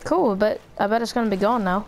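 Woman playing a video game, playful chatter, excitable, faint game music behind. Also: mid-range voice, fast. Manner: playful, excitable, thinks aloud. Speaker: gameplay player. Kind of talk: casual let's play chat.

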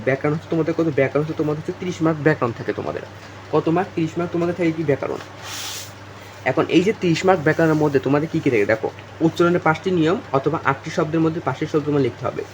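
A young Bangladeshi man tutors students for an exam in an informal prep lesson, speaking to them directly, repeating himself, and using lots of fillers. His voice is a little high and darkish, with slight background noise.

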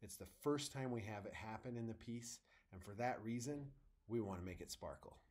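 A man's voice: lowish voice, a little fast, darkish tone. Methodical male trumpet professor explaining. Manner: clear, methodical teacher's explanation; sings musical phrases in scat syllables to demonstrate. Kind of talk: instructional video on audition preparation.

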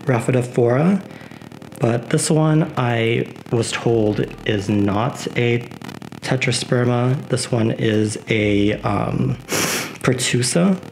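A man's voice: mid-range voice, creaky, slight background noise, rough recording. A man giving a casual tour of his houseplants at home, rambling with lots of fillers. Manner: relaxed, unhurried. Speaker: plant vlogger.

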